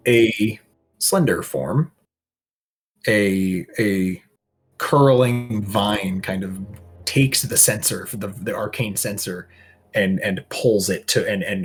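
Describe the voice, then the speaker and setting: Game master, male, deliberate and halting, low voice over soft background music. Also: slightly rough. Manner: slow, halting descriptive narration with many restarts. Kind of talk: narrating a tabletop game.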